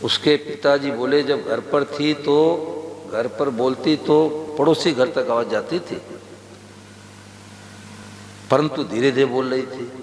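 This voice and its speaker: A man's voice: mid-range voice, a little slow. A man giving a devotional sermon to a gathering, telling stories with quoted dialogue and asking the audience questions. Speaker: religious preacher. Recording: echoey hall with faint hum.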